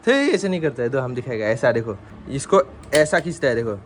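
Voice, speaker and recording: A man's voice: medium pitch, very animated, brisk, slight background noise. A man hosting a casual family vlog in a playful, teasing way, chatting straight to his viewers. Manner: playful, teasing, keeps addressing viewers as guys. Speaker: vlogger host.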